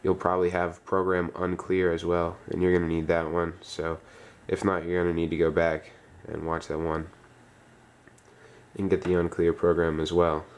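A man giving a step-by-step tutorial, dictating instructions in short, clipped fragments with pauses between them. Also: deep voice, completely flat delivery, a little hiss or hum. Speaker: tutorial presenter.

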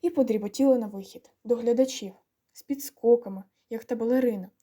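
A woman narrating an audiobook with lively, expressive storytelling. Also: fairly high pitch, fairly quick, slightly rough.

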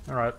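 A young man streaming a video game, chatting casually with viewers, swearing and laughing often. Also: a little hiss or hum. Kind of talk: casual gaming commentary.

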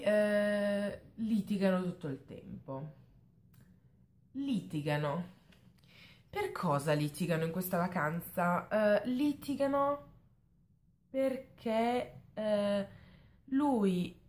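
A woman's voice: on the low side, reverberant. A young woman casually reviewing a book she disliked, retelling it with sarcasm and exasperation.

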